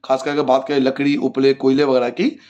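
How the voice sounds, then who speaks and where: A man's voice: medium pitch, little pitch movement, fairly quick, darkish tone, lo-fi sound. A man teaching a class 10 geography lesson, asking his own questions and answering them, repeating the key points for his students. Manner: addresses students as children.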